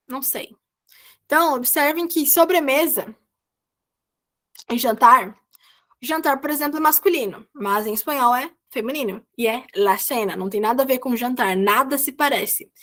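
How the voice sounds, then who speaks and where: A Brazilian Portuguese-speaking woman with a high voice teaches beginner Spanish over a video call. She stretches out each vocabulary word slowly and repeats it for her students. The tone is that of a casual online lesson. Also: fairly bright tone. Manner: slow, drawn-out repetition of words for pronunciation. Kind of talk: online class explaining vocabulary.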